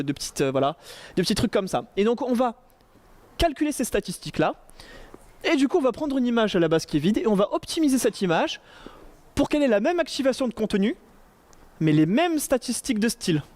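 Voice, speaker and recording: A man giving a relaxed conference talk on AI, informal and joking, with lots of fillers and restarts. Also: high voice. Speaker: conference speaker on AI.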